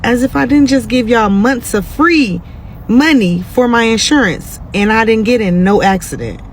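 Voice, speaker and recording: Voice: mid-range voice, normal speed. Indignant voice with faint traffic behind. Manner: indignant, uses y'all. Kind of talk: casual rant to camera.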